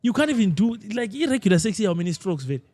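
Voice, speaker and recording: A man hosting a podcast from a lounge set, talking quickly in an animated, teasing way. His voice sits a little high for a man. The mic sound is close and dry. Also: no echo. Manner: animated, teasing, reads headlines aloud slowly. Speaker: podcast host. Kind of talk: casual podcast banter.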